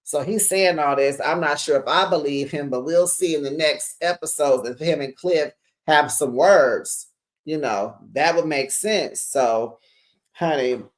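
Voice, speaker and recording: A host, giving a sassy, slangy, casual reality-TV recap straight to viewers. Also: mid-range voice.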